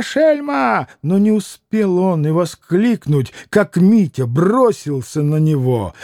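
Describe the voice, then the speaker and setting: Measured, high-voiced male audiobook narrator. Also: dry recording, clean studio sound. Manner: measured, expressive. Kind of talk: literary audiobook reading.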